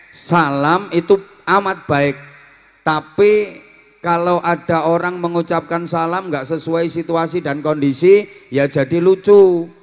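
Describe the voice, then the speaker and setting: A man giving a humorous sermon, acting out different greetings and teasing his listeners. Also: fairly high pitch. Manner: lively, acts out greetings in many voices, teasing the audience. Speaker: preacher. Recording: long hall reverb.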